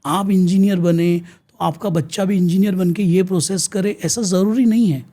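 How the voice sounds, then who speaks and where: A man's voice: high voice, steady tone, moderate pace, warm tone. An Indian man, a teacher and counsellor, explaining and giving advice in an earnest, lecturing way as an interview guest, switching between Hindi and English mid-sentence.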